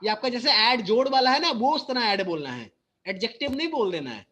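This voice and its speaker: A man with an Indian English accent teaching a school class, switching between Hindi and English and explaining slowly and deliberately. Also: very high voice, very animated, bright, forceful tone.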